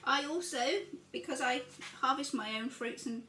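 A high, sharp-toned voice at normal speed, with slight background noise, belongs to an older home cooking vlogger. She chats through a casual breakfast demonstration, narrating each step while she works, recorded by a camera across the counter in an echoey kitchen with clattering dishes.

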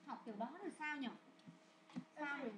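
A woman teaching English to a class of children, asking questions loudly and scolding pupils who don't focus. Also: high-pitched, brisk, heavy background noise. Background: children chattering.

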